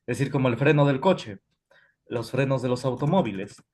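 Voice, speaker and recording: A male physics teacher lectures a class at an ordinary pitch. He talks in a halting way, filling pauses with "este" and correcting himself as he goes. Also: animated, darkish tone, a little hiss or hum. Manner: halting, frequent "este" fillers, self-correcting.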